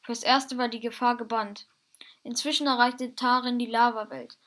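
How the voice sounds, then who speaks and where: A woman reading a fantasy adventure story aloud in a plain, steady way, with casual asides to listeners. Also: fairly high pitch, normal speed.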